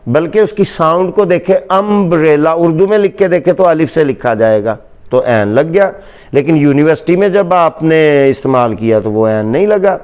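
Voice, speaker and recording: A man's voice: a little high, lively intonation, a little mellow, clean tone. A man with a Pakistani Urdu accent teaching English grammar in a lecture, patiently repeating examples and asking rhetorical questions.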